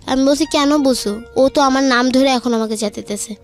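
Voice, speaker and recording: Her voice sits high and moves a little fast, carrying a Bangladeshi accent over background music. The young woman, a guest, narrates her own story colloquially, going through the conversation turn by turn.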